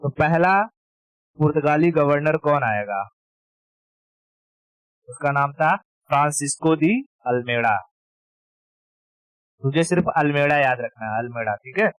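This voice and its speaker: A man's voice: on the high side, measured pace, long pauses, fairly bright tone, clean tone, no room sound, rough recording. A man teaching history in a casual exam-prep lecture, informal, repeating key terms and checking that students follow.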